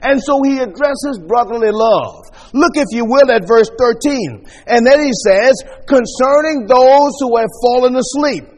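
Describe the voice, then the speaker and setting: A man preaching a sermon at a pulpit microphone, teaching in a measured way as he walks his listeners through scripture verses. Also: very high voice, darkish tone, long reverb tail, poor audio.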